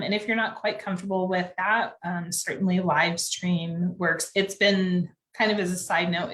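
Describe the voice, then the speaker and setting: A woman's voice: on the low side, a bit bright. A woman pastor in casual chat, steadily explaining upcoming church events, recorded at church. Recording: echoey room.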